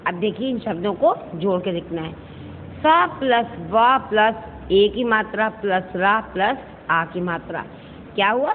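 A woman's voice: medium pitch, big-room sound, a little hiss or hum. Patient teacher woman, tinny phone audio. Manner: patient, addresses pupils as "beta", repeats slowly for dictation. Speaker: school teacher. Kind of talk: online class lesson.

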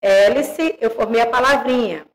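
A Brazilian woman teaching young children, spelling out syllables slowly and checking in with the class. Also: a little high, low-quality recording. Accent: Brazilian Portuguese. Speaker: primary school teacher.

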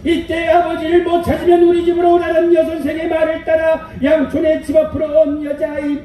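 A man's voice: very high-pitched, completely flat delivery, fairly quick, mellow. A man narrating a live stage play in the old byeonsa manner, declaiming in a sing-song way. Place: outdoor festival stage. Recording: echoey outdoor PA sound from far off.

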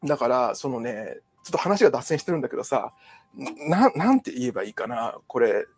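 A man's voice: mid-range voice, big pitch swings, fairly quick, a little mellow, husky, soft background music. A Japanese male counselor talking casually on his own, rambling with many fillers and asides. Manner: chatty, digressive, many fillers. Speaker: psychological counselor. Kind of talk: casual solo talk.

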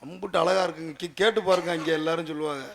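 A man plays the bride's brother on an outdoor stage, coaxing and pleading with the groom. His voice sits high with a gravelly rasp. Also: steady tone, fast talker, a bit bright. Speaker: actor playing the bride's brother. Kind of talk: village stage comedy.

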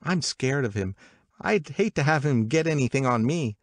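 Man voicing a gossipy young woman, lifted pitch. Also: normal speed, no room sound, natural voice. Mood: confiding. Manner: confiding, excitable, emphatic. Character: gossipy, worldly young woman, eager and confiding. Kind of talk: audiobook character dialogue.

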